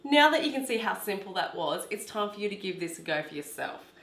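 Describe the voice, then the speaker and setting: A woman's voice: mid-range voice, sing-song, a little fast. Woman teaching a home recipe. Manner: warm, instructive, chatty. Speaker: cooking show host. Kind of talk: cooking demonstration. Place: home kitchen, indoors. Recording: echoey home kitchen.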